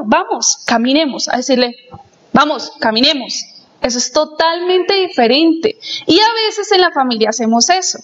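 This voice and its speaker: A high-voiced woman lectures a live audience on family communication. She keeps turning to the crowd with direct questions and acts out short stories. The recording sounds dull and lo-fi.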